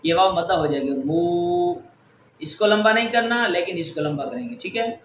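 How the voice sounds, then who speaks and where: Patiently going through tajweed rules one step at a time, this male Quran recitation teacher stretches out example words in an animated, high, somewhat bright voice. Slight background noise and faint ambience fill an echoey room.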